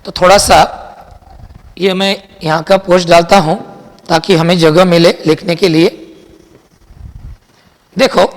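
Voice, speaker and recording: A man teaching chemistry in a classroom lecture, mixing Hindi and English, asking and answering his own questions and repeating key sentences slowly for dictation. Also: high-pitched, fairly even intonation, in a large hall. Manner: addresses students as children, asks and answers his own questions.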